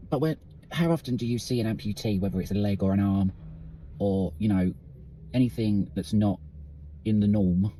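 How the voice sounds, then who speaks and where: A man's voice: lowish voice, moderate pace, long pauses, mellow, a little hiss or hum. A British man talking candidly in a casual vlog, ranting and swearing freely as he speaks. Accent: British English. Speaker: vlogger.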